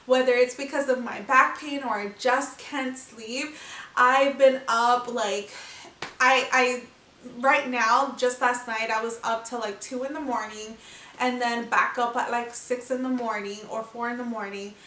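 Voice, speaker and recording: A young pregnant woman chatting casually to camera as a vlogger, telling stories in an animated way with laughs. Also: a little high, measured pace, a little hiss or hum. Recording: echoey room, mic at a distance.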